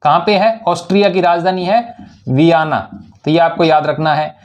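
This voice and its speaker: A male teacher runs an exam-prep lesson built on memory tricks, posing questions he answers himself and repeating key words for emphasis. He speaks at a normal speed in a slightly high voice with fairly even intonation.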